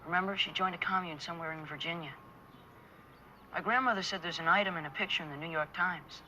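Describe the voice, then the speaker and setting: A man's voice: on the high side, fairly even intonation, quick pace, sharp tone, a little hiss or hum, low-quality recording. A young male actor playing a downcast, wry boy in a 1970s TV drama, speaking plainly and glumly. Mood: sad, wistful. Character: downcast, wry boy who misses his mother.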